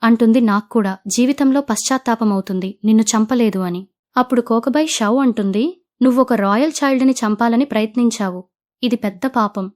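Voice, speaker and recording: A woman retelling the plot of a fantasy drama, quoting each character in her own steady narrating voice. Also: on the high side, a little fast.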